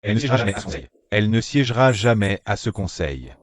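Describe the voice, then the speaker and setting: A man's voice: lowish voice, very animated, fast talker, dry recording. A man dubbing a hostile board member who speaks curtly and with scorn. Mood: scornful. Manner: curt and scornful. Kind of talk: French dub of a short drama.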